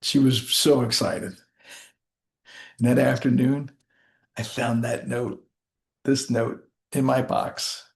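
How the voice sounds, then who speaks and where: Speaking in short, deliberate phrases punctuated by dramatic pauses, a male storyteller delivers a rehearsed motivational speech. His mid-range voice shows vocal fry and little pitch movement.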